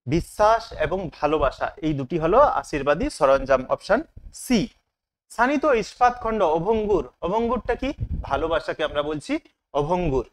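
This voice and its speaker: A man's voice: a little high, animated, moderate pace. A male teacher going through a test paper in an online lesson, asking the students questions and then answering them himself. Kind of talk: online exam-prep lesson.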